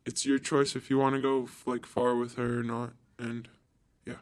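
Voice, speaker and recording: A twelve-year-old boy whose voice has been electronically lowered into a disguised deep voice, answering interview questions shyly and haltingly. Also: flat delivery. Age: 12, seventh grader. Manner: hesitant, halting, with nervous giggles. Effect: voice pitched down to a disguised deep voice. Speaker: anonymous student interviewee.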